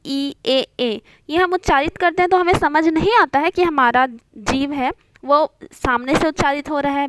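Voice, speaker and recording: High-voiced woman teaching Hindi, dry sound. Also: fairly bright tone, dry recording. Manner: patient, repeats points with frequent "theek hai" checks; mixes English words into Hindi. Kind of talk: online grammar lesson.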